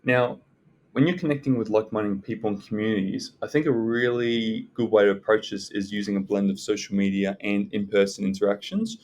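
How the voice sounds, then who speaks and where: A man giving unscripted self-development advice as a content creator, speaking in a hesitant, halting way with pauses. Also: fairly low pitch, darkish tone. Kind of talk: unscripted advice talk to viewers. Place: indoors in a library.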